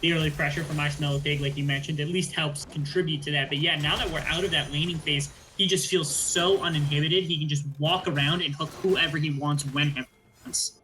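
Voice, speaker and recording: A man's voice: a little high, steady tone, fairly quick, pushed and bright, slight background noise, rough recording. A man giving color commentary on an esports match, breaking down plays analytically with frequent ums and uhs.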